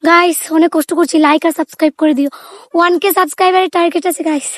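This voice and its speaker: Chatty high-voiced woman vlogging outdoors. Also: very fast, dry recording. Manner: chatty, excitable, addresses viewers directly. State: out of breath on a climb. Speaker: travel vlogger. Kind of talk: casual travel vlog. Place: outdoors on a hillside.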